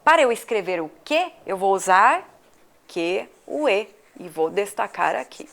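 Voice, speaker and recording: A woman's voice: mid-range voice, big pitch swings, measured pace, gravelly, fairly bright tone. A woman from Brazil, a primary school teacher, giving a patient video lesson to children and asking them questions. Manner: patient, questioning the pupils, spells out letters.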